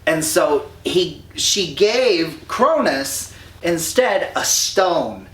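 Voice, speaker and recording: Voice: medium pitch, big pitch swings, drawn-out words, a bit bright. A storyteller retelling a myth while drinking, rambling and slangy. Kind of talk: drunken comic myth retelling. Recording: roomy echo, distant mic.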